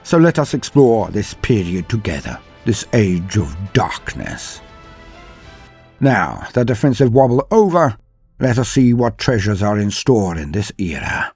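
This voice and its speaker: A lore channel host narrates in a theatrical, florid style, mixing scripted delivery with chatty, self-deprecating asides. His lowish male voice is sing-song, unhurried, husky and darkish, with music playing under it.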